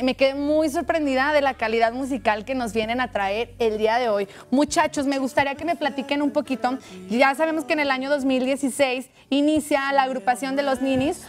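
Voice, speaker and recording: A Mexican woman in her thirties hosting a TV music show, interviewing a band in a studio with a handheld mic, chatty and playful. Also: high voice. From Aguascalientes, Mexico. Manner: chatty, playful, quick asides.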